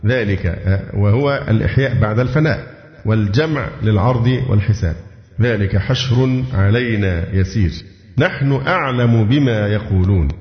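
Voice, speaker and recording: Methodical man teaching in an echoey hall. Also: medium pitch. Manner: methodical, explains grammar and quizzes students. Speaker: teacher of Quran commentary. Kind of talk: classroom lesson. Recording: echoey hall, muffled lo-fi recording.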